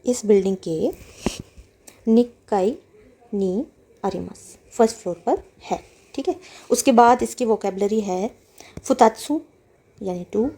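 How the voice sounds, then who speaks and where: Soft-toned woman teaching Japanese vocabulary. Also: mid-range voice, measured pace, pauses often, husky. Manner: patient, repeats and translates each word. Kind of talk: explaining a textbook lesson.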